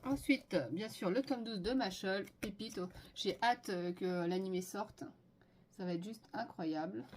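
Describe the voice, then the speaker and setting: Casting note: enthusiastic woman vlogger, mid-pitched, casual and chatty, faint hiss behind. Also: measured pace, darkish tone. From France. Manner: enthusiastic, listing items with many fillers. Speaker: manga haul vlogger. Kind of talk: casual haul video chat.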